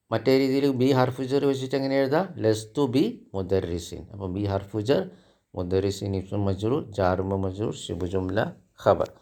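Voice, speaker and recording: A man from India, giving an Arabic grammar lesson. He speaks slowly through example sentences and asks his learners questions. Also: on the low side, vocal fry, a little mellow. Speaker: Arabic teacher.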